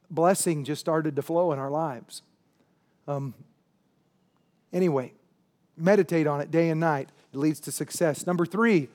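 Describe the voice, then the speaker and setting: A pastor in his late thirties preaches in a church sanctuary, his voice a little high and slightly mellow. He's emphatic yet conversational, tossing asides to the congregation.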